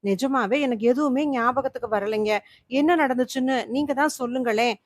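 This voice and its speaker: A woman's voice: high-pitched, moderate pace, no echo, clean studio sound. A woman voicing a confused, frightened housewife in a storybook reading. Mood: fearful. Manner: confused, fearful.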